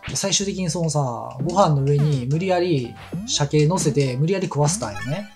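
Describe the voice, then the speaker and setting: A let's play commentator with a Kansai accent chats casually while gaming, telling rambling stories in a high-ish voice at normal speed. Game music plays in the background.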